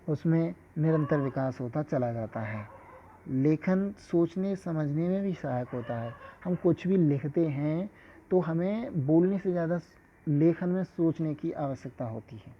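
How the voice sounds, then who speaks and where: A man teaching a lesson in a measured, explanatory way, with an occasional filler. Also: on the high side, a little hiss or hum. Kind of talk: scripted lesson lecture. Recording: dull lo-fi recording.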